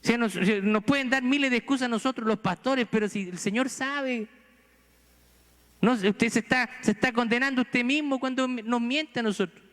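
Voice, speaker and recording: A man's voice: extremely high pitch, normal speed, fairly bright tone, in a large hall. A man from Chile, a pastor with a Chilean accent, preaching a sermon earnestly and pressing the congregation with rhetorical questions. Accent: Chilean Spanish. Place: church sanctuary.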